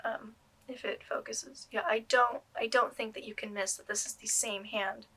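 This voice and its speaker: A woman's voice: a little high, fairly even intonation, normal speed, bright, forceful tone, husky. A young woman doll collector talking casually to camera, rambling with many ums and restarts. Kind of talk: casual vlog review.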